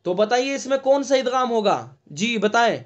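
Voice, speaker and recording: A man teaching an online Quran recitation class, patiently explaining how each letter is sounded and chanting verses slowly with long drawn vowels. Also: very high voice, animated, muffled recording. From India. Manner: patient step-by-step explaining, checks "ٹھیک ہے؟".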